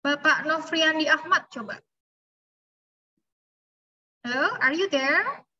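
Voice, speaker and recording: A woman's voice: high-pitched, slow pace, bright, forceful tone. A woman leading an online English class, calling on students one by one and encouraging them. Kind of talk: online class moderation, mixing English and Indonesian. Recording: dull lo-fi online call.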